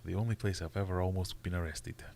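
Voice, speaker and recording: A man's voice: low voice, steady tone, fast talker, gravelly, darkish tone, slight background noise. A Scottish man hosting a casual livestream, chatting and reading viewer comments aloud with frequent laughs. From Scotland. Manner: chatty, laughs often, reads chat aloud. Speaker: livestream host.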